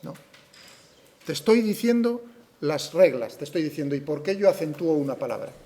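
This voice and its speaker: A physics teacher with a Spain Spanish accent lectures his class in a slightly high, mellow voice with lively intonation and a moderate pace. He brings up objections students might raise, answers them, and keeps asking whether everyone follows.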